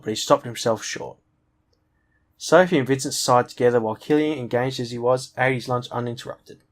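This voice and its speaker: A man playing through a visual novel, reading its text and dialogue aloud in a plain voice and breaking off for joking asides. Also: medium pitch.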